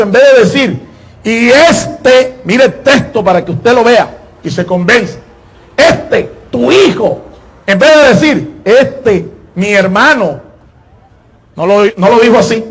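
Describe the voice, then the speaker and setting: A man preaching a sermon in an emphatic style, repeating his phrases and often pausing on filler words. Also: extremely high pitch, breathy edge.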